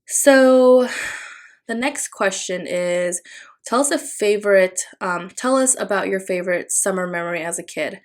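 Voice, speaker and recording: Speaking at an unhurried pace with a medium-pitched voice, a young Tagalog-speaking woman from the Philippines does a casual voice-over while decorating her planner. As a planner vlogger, she rambles, using many fillers and restarting often.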